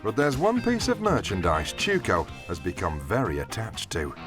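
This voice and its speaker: Guy narrating a tv show, really lively pitch, music under it. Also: normal speed. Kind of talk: scripted TV documentary narration.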